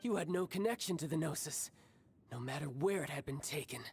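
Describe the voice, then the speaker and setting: A man's voice: a little high, a little fast, darkish tone, soft background music, natural voice. An actor voicing a cocky, battle-hungry young male villain in a video game, with a taunting, mock-polite, theatrical delivery. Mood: composed, amused. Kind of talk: scripted video game voice acting.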